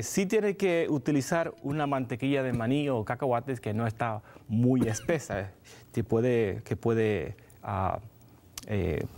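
A man's voice: mid-range voice, a little mellow, a little hiss or hum. A middle-aged man on a studio kitchen set explaining a recipe step by step to viewers. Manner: explanatory, addresses viewers directly. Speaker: cooking show co-host. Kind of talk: cooking demonstration.

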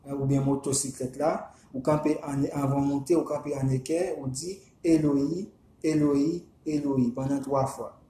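A man with a Haitian accent, a vodou practitioner whose first language is Haitian Creole, giving casual spoken instructions in a halting, repetitive way and slowly chanting names. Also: medium pitch, steady tone, mellow, roomy sound, a little hiss or hum.

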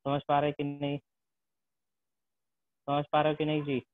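A man's voice: on the high side, completely flat delivery, normal speed, soft background music. A male teacher giving a classroom lecture, mixing English terms into his speech and checking in with tag questions. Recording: tinny phone-like sound.

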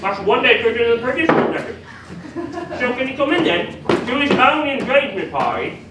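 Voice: mid-range voice, very animated, brisk, natural voice. A dim, bluntly literal minder played by an actor in a comic stage farce. The chatty voice swings about, recorded far from the mic with noise behind. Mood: matter-of-fact. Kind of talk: theatrical stage farce acting. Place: small theatre stage with audience. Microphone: far camera. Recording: echoey noisy theatre, distant camera mic.

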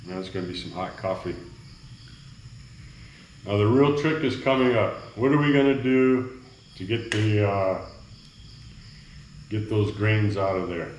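A middle-aged man makes coffee and talks easygoingly to viewers in a rambling cooking vlog, set in a small bare kitchen with cement walls. His lowish, slightly mellow voice moves at a measured pace with long pauses. The recording is echoey, with faint noise and nighttime crickets.

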